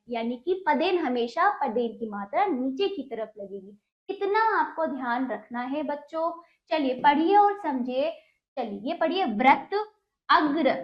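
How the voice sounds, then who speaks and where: A woman's voice: high voice, roomy sound, muffled recording. A woman teaching a Hindi lesson to children, patiently asking questions and answering them herself.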